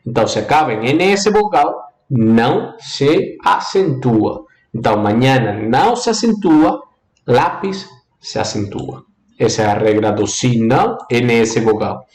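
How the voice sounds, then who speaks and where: A male Spanish teacher streaming a live lesson, his pitch swinging up and down as he drills the rules. He repeats phrases in a singsong way and slips between Portuguese and Spanish. The room gives his voice a noticeable echo. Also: sing-song, unhurried, a little mellow. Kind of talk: live online language lesson.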